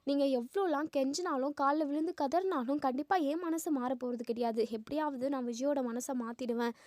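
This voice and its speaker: Woman voicing older grandmother, stern, scolding, high-pitched, dry. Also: a little fast, a little mellow, no echo, lightly acted. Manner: firm, scolding.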